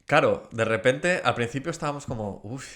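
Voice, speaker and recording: A man hosting a podcast in casual chat, growing animated when he gets enthusiastic. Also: on the low side, a little fast. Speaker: podcast host.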